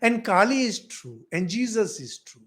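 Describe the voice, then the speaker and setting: Animated Indian man lecturing with swooping pitch. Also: moderate pace. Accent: Indian English. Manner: animated, rhetorical questions, wide swings in pitch and loudness. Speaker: monk teaching spiritual philosophy. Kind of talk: spiritual lecture.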